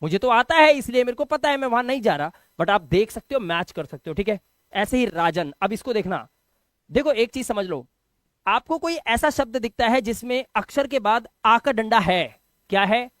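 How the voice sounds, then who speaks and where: A man teaching an online lesson, explaining step by step, repeating words slowly and checking that students follow. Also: extremely high pitch, expressive, a bit bright, dry recording. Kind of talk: online lesson explaining Hindi to English spelling.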